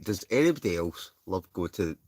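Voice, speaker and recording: A man's voice: sits low, lively intonation, normal speed, darkish tone, no echo. A Scottish man chatting casually to livestream viewers in a rambling, chuckling, easily sidetracked way. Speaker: livestream host. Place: inside a tent.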